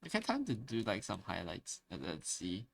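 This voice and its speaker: On a rough recording with slight background noise, a young man with a Malaysian English accent, a native Chinese speaker, chats casually while drawing on stream. His low-ish voice has vocal fry and huge pitch swings at a moderate pace, and he rambles with many fillers and restarts.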